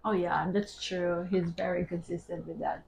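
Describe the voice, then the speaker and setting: A woman chatting casually with her husband over a meal at home, laughing often, with her voice trailing off softly at the ends of phrases. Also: fairly low pitch, fairly even intonation, moderate pace, vocal fry. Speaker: wife and vlog co-host. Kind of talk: casual mukbang chat while eating.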